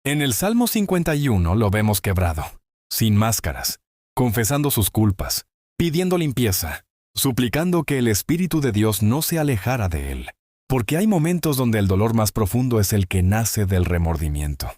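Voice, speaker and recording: A man giving scripted inspirational Bible narration in a solemn, measured way, drawing out key phrases slowly. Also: fairly low pitch, sing-song, a little mellow, no room sound, clean studio sound. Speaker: devotional narrator.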